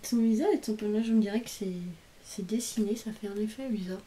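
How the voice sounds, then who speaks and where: Gushing over received cards and stamps, a craft channel host chats casually as she unboxes her mail, speaking a little fast in a mellow, mid-range voice. She stumbles slightly over some English phrases.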